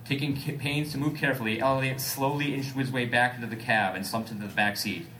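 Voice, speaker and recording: A man's voice: mid-range voice, steady tone, quick pace, bright, forceful tone, a little hiss or hum. A man reading a story aloud for comedy and breaking off to joke and ad-lib. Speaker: comedic reader.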